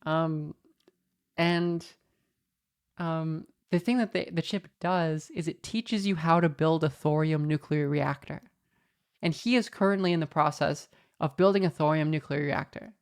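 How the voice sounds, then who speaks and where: A woman's voice: low-pitched, fairly even intonation, measured pace, a little mellow. A woman podcast host telling rambling, wry stories in casual chat, full of fillers and restarts. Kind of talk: casual anecdotal storytelling.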